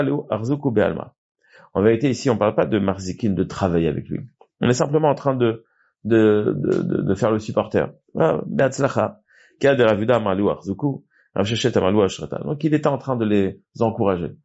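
A man's voice: fairly low pitch, darkish tone. A man teaching a Talmud class who reads short phrases aloud and then explains them, with frequent restarts. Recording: dull lo-fi recording.

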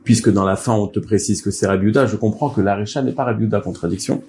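A man's voice: lowish voice, racing, mellow, slight background noise. A man teaching a daily Talmud class, explaining step by step and mixing Hebrew and Aramaic terms into his speech.

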